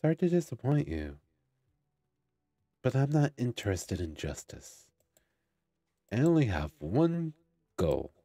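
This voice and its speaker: A man reading the lines of a grim, vengeful young man aloud, flat and slow. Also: medium pitch, no echo, studio quality, pitched above the performer's own voice, heavily acted.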